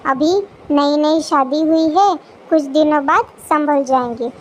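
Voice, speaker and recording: A patient older mother-in-law who speaks softly and soothingly, as a woman puts her on. The voice is very high. It sounds like a cartoon storybook. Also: a little slow, a little hiss or hum. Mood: gentle. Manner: soft and soothing.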